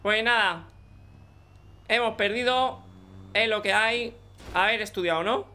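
Excitable young Spanish man, high bright voice, gaming commentary over faint background noise. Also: measured pace. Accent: Spanish from Spain. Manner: excitable, joking, talks to teammates. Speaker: gaming YouTuber. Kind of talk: live gameplay commentary.

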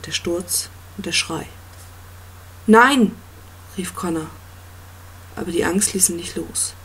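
A narrator reading an audiobook in a slow, measured way. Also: mid-range voice, slight background noise.

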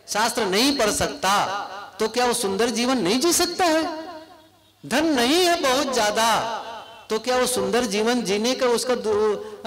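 A man preaches to a seated congregation in a high, highly animated voice, leaning into rhetorical questions. His delivery is unhurried, and the murmur of a large crowd carries under his words. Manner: slow, questioning, with rhetorical asides to the audience. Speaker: spiritual preacher. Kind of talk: devotional sermon to a live gathering. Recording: crowd noise from a live gathering.

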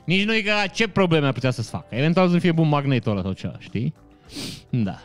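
Chatty male streamer, relaxed live chat with his viewers, laughs often, smooth clear tone. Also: a little high, soft background music. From Romania. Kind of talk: casual live-stream chat reading comments.

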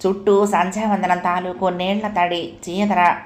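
A woman narrating a story audiobook in a measured, expressive reading voice. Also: on the low side, echoey room.

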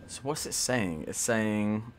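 A young male gamer gives let's play commentary into a desktop mic, swearing heavily and laughing in a jittery, nervous way. His voice is lowish and slow, with slight background noise.

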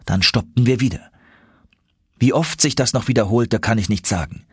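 A man narrating an audiobook in a lively, expressive storytelling manner. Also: medium pitch, moderate pace, breathy edge, dry recording, clean studio sound. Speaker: audiobook reader. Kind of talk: scripted narration.

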